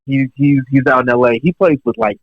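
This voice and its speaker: A young touring drummer, interviewed on a podcast, swaps career anecdotes in a loose, chatty way, talking a little fast in a gravelly, mid-range voice. Asides, fillers and occasional chuckles run through his stories, recorded dry with no echo and a slightly dull, home-podcast sound.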